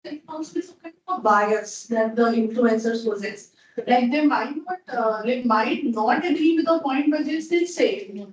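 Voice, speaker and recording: A woman's voice: on the high side, animated, moderate pace. A woman in a focus group, chatting with frequent fillers. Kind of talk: casual discussion. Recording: echoey distant meeting recording.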